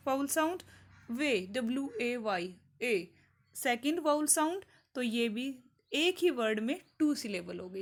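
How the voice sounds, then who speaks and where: A woman teacher with an Indian accent explaining poetry terms, asking herself questions and answering them. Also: high voice. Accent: Indian English. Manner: reads English definitions slowly and deliberately. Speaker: English teacher. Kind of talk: online exam-prep lesson, Hindi mixed with English.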